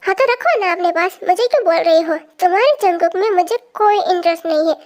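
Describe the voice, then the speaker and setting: A woman voicing a cool, defiant young college girl in a fan story voice-over, with sharp, dismissive retorts. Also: very high voice, quick pace.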